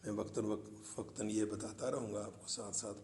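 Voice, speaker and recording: A man's voice: fairly low pitch, level tone, a little mellow, echoey room, a little hiss or hum. A man teaching English, retelling a story, then reading English lines aloud and translating them for his students, with notes on pronunciation. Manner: explains pronunciation and word meanings to students.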